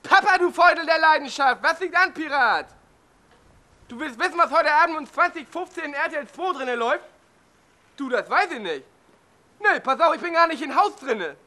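A man's voice: very high voice, lively intonation, fairly quick, sharp tone, voice pushed up, heavily acted. A man voicing a fussy, pedantic man on the phone who keeps saying "genau" in an overly polite, prim way. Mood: exasperated.

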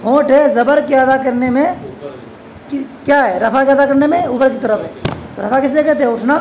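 A woman teaching a classroom grammar lesson, constantly posing quick questions to her students and answering them herself. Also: sits high, a little mellow, a little hiss or hum, poor audio. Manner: addresses students as "beta". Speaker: religious teacher.

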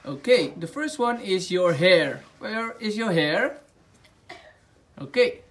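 Woman coaching a little kid thru an activity, unhurried n very sing-song, short phrases, bit of noise outside. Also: mid-range voice, animated. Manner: encouraging, repeats answers, short phrases. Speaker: children's activity instructor. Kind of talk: simple step-by-step instructions to a child. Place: outdoors in a small backyard. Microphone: handheld phone.

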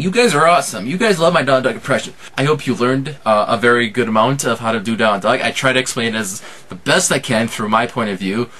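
A man in his twenties hosting a casual how-to vlog, explaining things informally and a little haltingly, step by step. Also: mid-range voice, a bit bright. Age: 20s. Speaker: amateur impressionist and video host.

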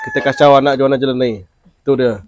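A man's voice: mid-range voice, wildly swooping pitch, fast talker, no echo, dull audio. A man chatting casually to viewers in a vlog, teasing and repeating himself as he shows around an outdoor spot after rain. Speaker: vlogger.

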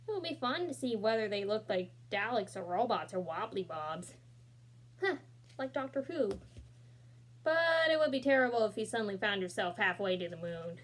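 Recorded on a laptop camera in a small room, a young woman reads from a children's picture book with plenty of expression and offhand side comments. She has a mid-range voice and speaks at a normal speed.

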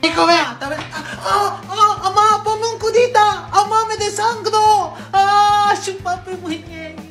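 A man plays a shrill, bratty kid in a comedy sketch, whining and bragging in a high, gravelly voice. Soft music plays underneath. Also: slow, exaggerated voice. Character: bratty spoiled young boy, whiny and boastful.

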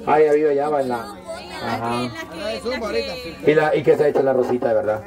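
A man with a Salvadoran accent hosts a toy handout outdoors on a village dirt road, announcing informally to a crowd of children and adults and repeating his instructions. His voice is mid-range and a little fast, with crowd noise all around.

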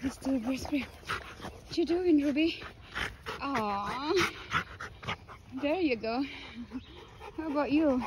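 A woman's voice: high-pitched, slow, pauses often, background noise. A woman vlogging with her dogs, talking to them in a coaxing, sing-song way. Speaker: dog owner vlogger. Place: outdoors at home with dogs.

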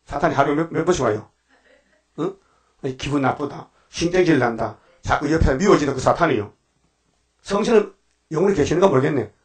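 A man preaching a dawn sermon as pastor, exhorting his congregation with frequent questions and reading scripture aloud. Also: a little high. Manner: exhorting, asks the congregation "예?" often; reads scripture slowly, acts out quoted voices loudly.

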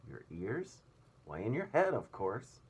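A man's voice: fairly low pitch, huge pitch swings, measured pace, exaggerated voice. Man reading as a curious small boy. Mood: baffled. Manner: earnest, wondering. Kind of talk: children's storybook read-aloud. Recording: clear room noise.

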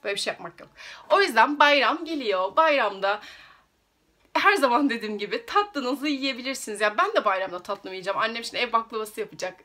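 A woman's voice: fairly high pitch, bright, forceful tone. A young woman vlogger giving earnest, emphatic diet and motivation advice straight to her viewers. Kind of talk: motivational talk to camera.

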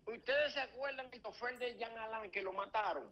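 A man's voice: very high-pitched, moderate pace, bright, forceful tone, highs cut off, a little hiss or hum. A male caller asking a question on a call-in show, his phone held away from his mouth so he sounds faint and distant.

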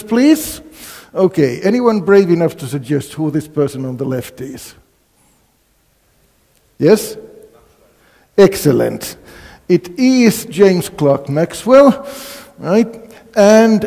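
A man's voice: a little high, mellow. An older man from Finland giving a university physics colloquium, quizzing the audience with many fillers. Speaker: physics lecturer. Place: lecture hall. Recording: long hall reverb.

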